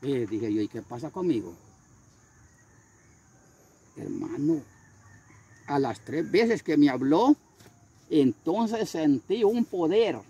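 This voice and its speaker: An older man, a street preacher, telling his story in a husky voice with fervent repetition and acted-out voices. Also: on the high side, expressive, slow pace, long pauses, dark tone. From Honduras. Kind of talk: storytelling interview.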